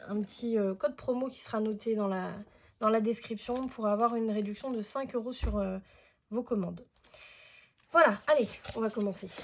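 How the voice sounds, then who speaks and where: A woman's voice: on the high side, a little mellow, a little hiss or hum. A woman hosting a casual scrapbooking tutorial at home, chatty and hesitant, with many fillers.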